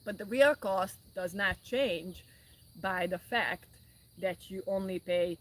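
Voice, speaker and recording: A woman's voice: medium pitch, slow pace, a bit bright, low-quality recording. A woman hosting a casual wellness talk show, speaking earnestly and often repeating herself. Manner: earnest, repetitive, restarts often. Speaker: wellness podcast host.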